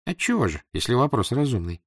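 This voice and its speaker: A man reading the part of a small, grey-haired, good-natured but dull clerk who talks in a slow, earnest, self-satisfied way. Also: mid-range voice, big pitch swings, dry recording, studio quality. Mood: complacent.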